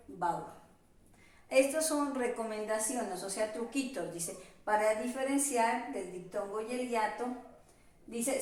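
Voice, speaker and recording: A woman teaches at a slow, deliberate pace, with a voice that sits a little high. She sounds distant from the mic, in a strongly echoing room. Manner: slow, careful spelling-out of examples. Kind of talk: virtual class lecture.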